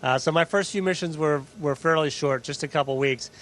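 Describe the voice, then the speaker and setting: A man's voice: on the high side, a little fast, a bit bright. A man speaking as an astronaut, answering a question in an informal, reflective, explanatory way. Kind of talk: answering questions in a live link-up.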